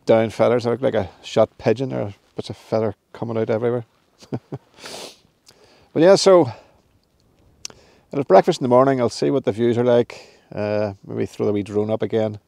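This outdoor vlogger, a man in his fifties, does a casual vlog on a windy summit, holding his phone camera at arm's length. He talks at normal speed in a gravelly, mellow, mid-range voice with no room sound. Chatty, he laughs a lot and jokes at his own expense.

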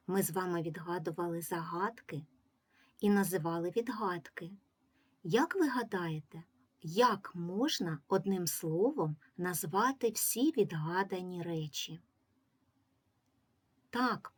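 Woman teacher, reading lesson for small kids, unhurried, lowish voice, spells out syllables. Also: darkish tone, husky. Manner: slow, patient, drawing out syllables. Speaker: primary school teacher. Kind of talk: recorded reading lesson for young children.

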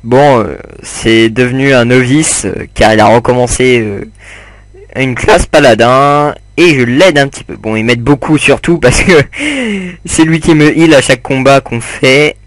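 A young man talks through his gameplay in a loose, unhurried ramble, stopping often on fillers and asides to the people watching. His voice sits at an ordinary middle pitch and sounds close and dry, with no room around it. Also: dry recording. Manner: rambling, many fillers, chats to viewers while playing. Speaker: gamer commentating his play. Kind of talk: casual gameplay commentary.

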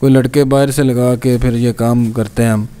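A man's voice: medium pitch, little pitch movement, normal speed, mellow, clear, resonant tone. A man, a small factory owner giving brief, plain answers in an interview, recorded on a handheld mic in a small workshop.

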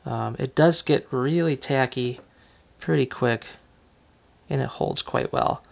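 Gravelly man explaining a model build. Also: medium pitch, takes it slowly. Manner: relaxed and chatty, many fillers, self-correcting. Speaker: model railroad hobbyist host. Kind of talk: casual hands-on build tutorial. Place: workbench indoors, off camera.

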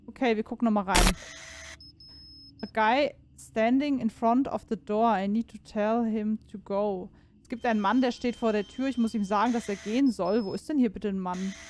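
A woman's voice: fairly high pitch, moderate pace, a little mellow, slight background noise. Chatty German woman playing a horror game. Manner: chatty, swears and exclaims when startled. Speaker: gaming streamer. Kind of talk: horror game let's play commentary.

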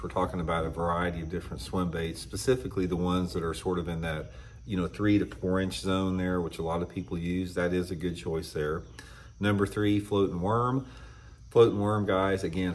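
Host, man, 50s, deep voice, blunt and opinionated, casual webcam talk from a tackle room. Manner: blunt, opinionated, clears throat often. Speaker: fishing channel host. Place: indoor room with shelves of tackle.

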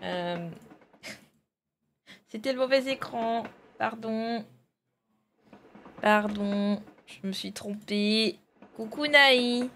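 A woman's voice: fairly high pitch, very slow, long pauses, fairly bright tone, slight background noise. Chatty French woman live-streaming. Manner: chatty, thinks aloud while fiddling with games, greets chat viewers. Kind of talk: casual live-stream chat.

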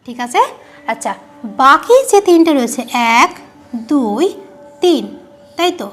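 A woman teaching a grammar lesson, speaking patiently and asking quick questions to the student before answering them herself. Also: high voice, expressive, fairly bright tone, soft background music. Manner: patient, explains by repeating and quizzing the listener.

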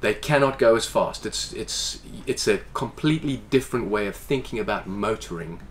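In the salon of his boat, a man in his forties gives a casual interview, explaining in a fairly low voice at a moderate pace. He's animated, gesturing with his hands as he talks.

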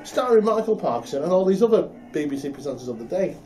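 A middle-aged man from the UK, chatting casually as a co-host and telling a story with animated laughs. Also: a little high, quick pace, a little hiss or hum. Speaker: podcast co-host. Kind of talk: casual chat.

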